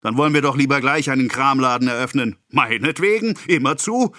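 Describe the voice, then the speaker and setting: A pompous, excitable middle-aged apothecary, put on by a male reader in an audiobook, ranting in a strained, raised voice well above the reader's own. He scolds breathlessly and with great self-importance. The sound is close and dry. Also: a little high, slow pace, dry recording, voice pushed up, exaggerated voice. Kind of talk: audiobook character voice.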